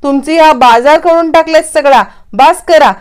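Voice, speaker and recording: A woman's voice: sits high, moderate pace, voice pushed up, lightly acted. A woman voicing an exasperated male police inspector, giving stern, commanding orders.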